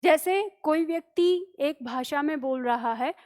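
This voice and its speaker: A woman's voice: high-pitched, darkish tone. A woman teacher explaining word spellings to students, breaking words into parts and often checking with "okay?". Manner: explains slowly, spells words syllable by syllable, keeps asking "okay?". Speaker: Hindi teacher.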